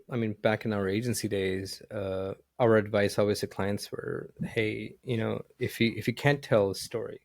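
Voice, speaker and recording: A man's voice: on the low side, creaky, darkish tone, no room sound, clean studio sound. A man hosting a podcast interview, chatting casually with frequent restarts and fillers. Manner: halting, many restarts and "you know" fillers. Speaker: podcast host.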